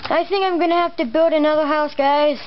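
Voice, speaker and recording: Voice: high voice, fairly even intonation, fairly quick. A let's player giving casual, sweary gameplay commentary, with slightly imprecise R sounds. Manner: casual swearing, muttered exclamations. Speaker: let's play host. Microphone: camera pointed at a monitor. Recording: muffled lo-fi mic, noisy background.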